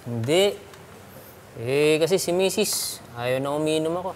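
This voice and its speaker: A man playing a sluggish, dim drinking buddy in a comedy skit, mumbling silly excuses in a deadpan way. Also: a little high, unhurried, slight background noise.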